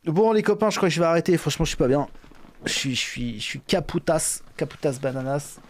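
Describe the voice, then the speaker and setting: Man, fairly high voice, live-stream host, blunt, mocking, slangy casual chat. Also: animated, a little fast.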